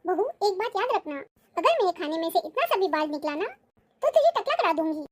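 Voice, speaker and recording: A shrill, bossy old grandmother in a cartoon, voiced by a woman. She speaks with an Awadhi-tinged Hindi accent. Her voice is very high, and she scolds sharply. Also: big pitch swings, fairly quick. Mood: scolding. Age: older. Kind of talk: cartoon voice acting.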